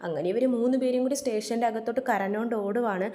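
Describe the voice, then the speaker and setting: A woman's voice: on the high side, warm tone. A woman chattily retelling a TV serial episode as a storyteller. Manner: rapid, chatty plot retelling.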